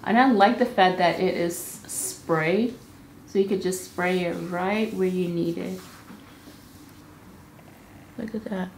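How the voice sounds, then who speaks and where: A woman's voice: fairly low pitch, slight background noise. A young woman beauty vlogger chatting casually to camera about products in her home studio. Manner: bubbly, chatty, fast asides. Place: home filming studio, indoors. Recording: roomy studio with faint ambience.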